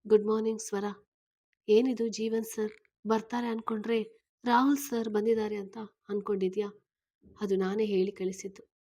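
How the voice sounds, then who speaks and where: Woman doing a keen thirtyish guy asking her to marry him, soft and persuasive, storybook reading. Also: mid-range voice, flat delivery, moderate pace, long pauses, close to an everyday voice. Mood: earnest. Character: earnest man in his thirties proposing marriage.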